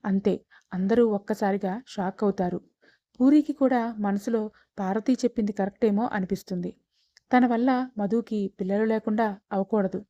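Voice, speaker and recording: A woman hosting her own channel, calmly narrating a serialized family drama story. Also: medium pitch, normal speed, no room sound, lo-fi sound. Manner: calm, steady storytelling.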